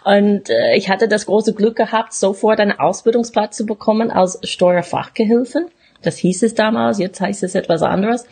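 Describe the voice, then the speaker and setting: A middle-aged woman from the USA speaks German with a clear American accent. Her voice is a little husky, and as a native English speaker she phrases her casual interview stories haltingly, with small grammatical slips. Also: mid-range voice, a little mellow. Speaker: interview guest, radio show host. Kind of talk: casual personal storytelling in an interview.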